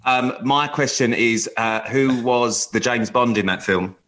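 A man's voice: medium pitch, a little slow, fairly bright tone, a little hiss or hum. A British man hosting casual banter, asking questions in a blunt, sweary way. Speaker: game show podcast host.

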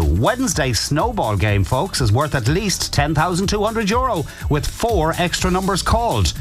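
An Irish man working as a radio bingo caller, reading out numbers deliberately in a broadcast style. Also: medium pitch. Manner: deliberate, repeats numbers digit by digit.

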